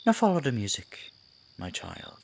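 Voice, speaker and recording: A man playing a sinister, silky Pied Piper in an ASMR roleplay, a theatrical storyteller who coaxes and condescends with deliberate delivery. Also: mid-range voice, wildly swooping pitch, creaky, a little hiss or hum. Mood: coaxing, menacing. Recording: night insects and forest ambience behind. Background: crickets, night forest ambience.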